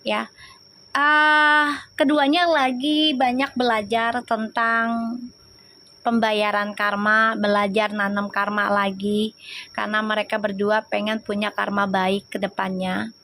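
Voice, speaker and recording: A woman's voice: medium pitch, level tone, takes it slowly, pushed and bright, dry recording. A woman gives a casual live tarot reading, chatty and teasing and often breaking into laughter. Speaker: tarot reader on a live stream.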